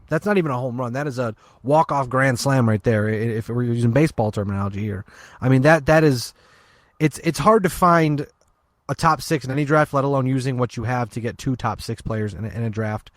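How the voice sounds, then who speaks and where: A man's voice: medium pitch, dry recording. A man co-hosting a sports podcast, chatting casually with many restarts and fillers. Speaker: podcast co-host.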